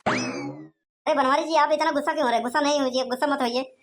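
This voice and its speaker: Woman doing a cartoon news reporter guy, high voice, formal tv patter, pushy. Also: steady tone, brisk, close to an everyday voice. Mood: placating.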